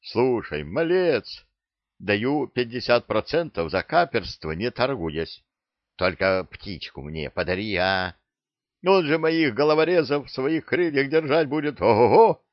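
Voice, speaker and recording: A man voicing a sly older pirate captain who wheedles and coaxes in a gruff way. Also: medium pitch, big pitch swings, unhurried, dry recording, muffled recording, voice pushed up. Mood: wheedling.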